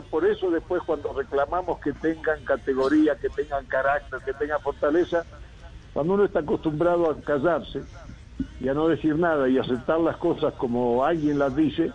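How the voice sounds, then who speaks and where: A man's voice: fairly high pitch, highs cut off. A man from Uruguay, a football coach talking in a radio interview, thoughtful and rambling with many fillers and restarts.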